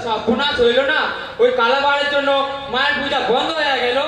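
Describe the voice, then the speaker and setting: A man playing a bossy, fussy village priest who complains in loud exclamations with an Eastern Bengali accent. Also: very high-pitched, little pitch movement, a little fast, a crowd in the background. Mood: lamenting. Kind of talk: comic-melodramatic stage acting. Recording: very echoey stage sound.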